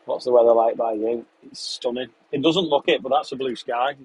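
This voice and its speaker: Young man, husky, mid pitch; easygoing live-stream chat from a tractor cab, answering viewer questions. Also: fairly quick, low-quality recording. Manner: relaxed, chatty, answers questions between running commentary on the job. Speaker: farm contractor live-streaming while spraying a field. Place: inside a tractor sprayer cab, in a field.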